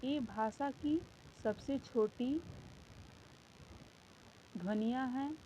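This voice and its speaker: A woman teacher talks her pupils slowly through a grammar lesson, stopping to count and ask questions. Her voice sits a little high and mellow. The recording is slightly dull, with faint noise behind her. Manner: slow, patient explaining, counting out sounds and asking the class questions. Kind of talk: Hindi grammar lesson for schoolchildren.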